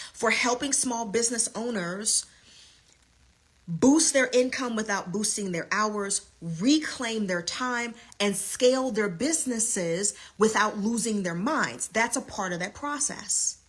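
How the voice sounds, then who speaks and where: Emphatic husky woman business coach. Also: fairly high pitch, unhurried. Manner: emphatic, repeats key points. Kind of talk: live online business lesson.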